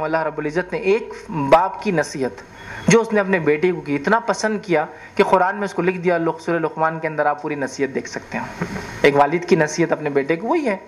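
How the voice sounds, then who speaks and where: A man preaching a sermon, lively and often checking with the audience whether they follow. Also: fairly high pitch. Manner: animated, questions the audience.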